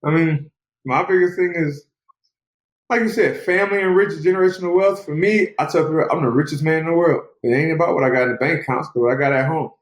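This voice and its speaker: An American mixed martial artist, appearing as a guest in a casual interview, speaks quickly and earnestly as he pushes a motivational message. His voice is slightly high, and the room echoes around him.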